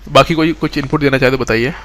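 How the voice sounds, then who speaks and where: A man's voice: mid-range voice, fast talker, fairly bright tone. A man teaching a live online exam-prep class, mixing English terms into Hindi and often checking that students follow.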